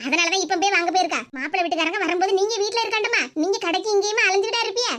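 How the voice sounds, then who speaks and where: A woman's voice: very high-pitched, steady tone, racing, a crowd in the background. A woman voicing a chatty, fussy older-sister neighbour in a cartoon. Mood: reassuring. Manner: fussy, talkative, motherly. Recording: noisy recording with clicks.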